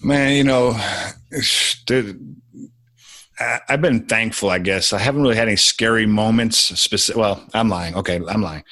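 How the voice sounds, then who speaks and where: A man's voice: lowish voice, moderate pace, a bit bright, dry recording. A young adult man, a podcast guest, telling a personal story in casual conversation with many restarts.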